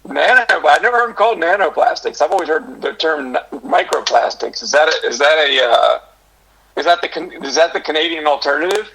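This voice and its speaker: A man's voice: a little high, animated, a little fast, gravelly, sharp tone, slightly rough. A man talking over a muffled phone line held up to a microphone, joking and laughing often. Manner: laughs often, jokey, self-mocking. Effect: muffled phone line held up to the studio mic. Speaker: phone-in guest on a radio show. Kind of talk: joking casual chat. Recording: distant phone audio through a microphone.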